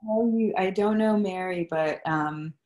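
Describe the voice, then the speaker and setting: A woman's voice: mid-range voice, unhurried, a little mellow, roomy sound. A woman hosting an online event, speaking hesitantly with many fillers. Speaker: event host. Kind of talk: closing thanks.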